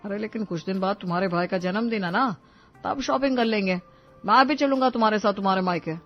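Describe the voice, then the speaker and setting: A woman's voice: mid-range voice, fast talker, highs cut off, soft background music, lightly acted. A woman voicing a put-upon young husband in a cartoon, complaining and teasing by turns. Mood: coaxing. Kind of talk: cartoon voice acting.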